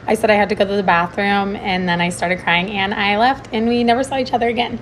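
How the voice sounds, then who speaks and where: A young adult woman telling a story in a quick, excited, gushing way. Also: medium pitch, a little hiss or hum, rough recording. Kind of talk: casual storytelling.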